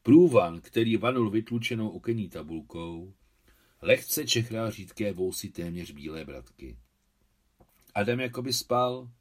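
A man reading his own translation of a novel aloud, with calm, measured audiobook narration. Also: fairly low pitch.

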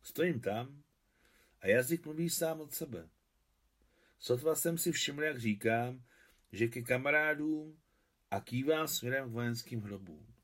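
A man's voice: medium pitch, long pauses, a bit bright, voice pushed up, natural voice. A man voicing a brooding old war veteran. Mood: musing. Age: older. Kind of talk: audiobook reading.

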